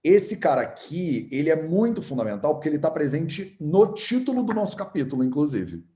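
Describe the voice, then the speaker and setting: Male Carioca teacher, chatty and patient, mellow voice, roomy echo. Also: fairly high pitch, sing-song, a little fast. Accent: Carioca Brazilian Portuguese. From Rio de Janeiro, Brazil. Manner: chatty, explains patiently, repeats sounds aloud. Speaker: Ayurveda and Sanskrit teacher. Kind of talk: casual online lesson.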